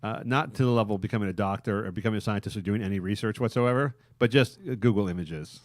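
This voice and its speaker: A man's voice: on the low side, fast, no room sound, studio quality. A man hosting a podcast, rambling crudely with frequent laughter. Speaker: podcast host. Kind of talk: casual crude podcast banter.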